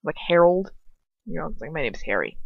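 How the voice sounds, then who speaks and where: Reading a story aloud in a roomy, slightly dull home recording, this amateur fan fiction reader offers casual, rambling, opinionated, slangy commentary with some swearing. Her deep voice is sing-song, gravelly, slightly rough, and a little fast.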